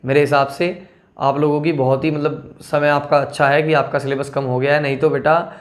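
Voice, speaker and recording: A man teaching a class, explaining the syllabus in a casual way. He says "theek hai" after nearly every point, calls the students children, and slows down to read technical terms. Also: on the high side, level tone. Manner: switches between slow read-out terms and quick asides.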